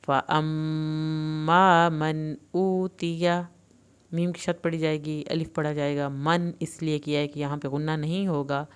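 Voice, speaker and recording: Female recitation teacher with an Urdu accent, crisp clear voice, explains then recites slowly. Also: low-pitched, flat delivery, a little mellow. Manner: clear explanations alternating with slow drawn-out recitation. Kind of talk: tajweed lesson, explaining and reciting.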